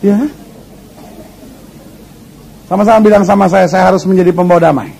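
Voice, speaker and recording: A man preaching a sermon as pastor, lively and humorous, acting out voices in his stories and getting the congregation to repeat after him. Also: high-pitched, moderate pace, vocal fry, slightly rough, low-quality recording. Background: congregation laughing.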